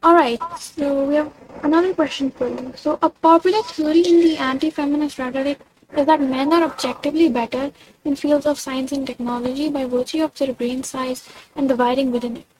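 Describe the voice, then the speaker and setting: A woman's voice: high voice, fairly even intonation, fairly quick, darkish tone, low-quality recording. A woman hosting an interview, reading formal prepared questions. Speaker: interview host.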